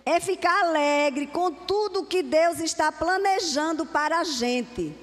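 A woman's voice: very high-pitched, slow pace. A woman preacher delivering a sermon to a congregation in an earnest, repeating cadence. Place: church hall. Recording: long hall reverb.

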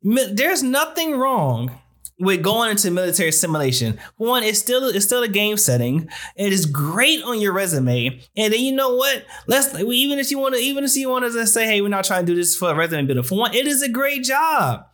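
Male online host, high-pitched and bright, casual slangy advice chat. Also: big pitch swings, normal speed. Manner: informal slangy talk, often addressing listener with "you know". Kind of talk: casual chatty advice to viewers.

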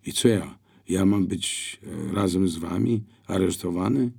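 Wry blind brother, teasing and slow, as a gravelly narrator reads him. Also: male voice, low-pitched, dark tone, exaggerated voice.

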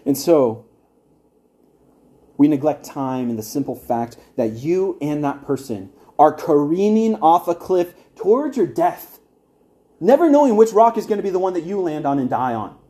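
A man's voice: a little high, mellow. A young man teaching an evangelism class at church, earnest and conversational, with wry asides to his listeners.

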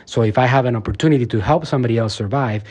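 Talking rapid-fire in a medium-pitched, darkish voice, a marketing agency owner gives motivational podcast talk and interview answers. He sounds earnest and emphatic and leans on frequent fillers.

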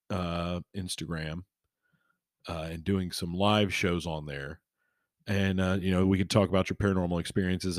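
A man hosting a podcast solo in casual, rambling, chummy talk, swinging between emphatic bursts and quiet trailing-off. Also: deep voice, no room sound, studio quality. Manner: rambling, informal, chummy address to listeners. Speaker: podcast host.

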